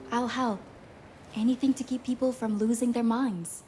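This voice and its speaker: A woman's voice: fairly high pitch, fairly even intonation, normal speed, mellow, faint music behind, lightly acted. A woman playing a plucky, eager young female sleuth in a mystery video game.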